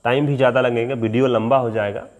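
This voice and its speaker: A man teaching a spoken English lesson at a board, drawing out sounds slowly to demonstrate and often checking that students follow. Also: medium pitch, fairly even intonation, a little mellow, lo-fi sound. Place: classroom with a board.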